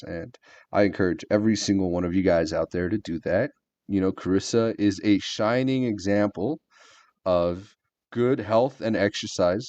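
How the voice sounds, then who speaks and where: A man's voice: on the low side, mellow, no echo. A man co-hosting a podcast, telling a rambling story full of fillers in casual chat. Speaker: podcast co-host. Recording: dull lo-fi sound.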